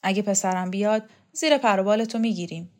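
A woman's voice: medium pitch, darkish tone, lightly acted. A woman voicing a poor, wistful old father.

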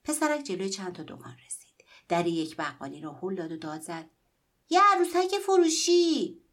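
A woman reading a literary story aloud in a hushed, whispery narrating voice. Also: on the low side, very animated. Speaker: story reader.

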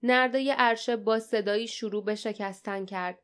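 A woman narrating an audiobook in a steady, dramatic storytelling style. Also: medium pitch, smooth. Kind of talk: scripted narration.

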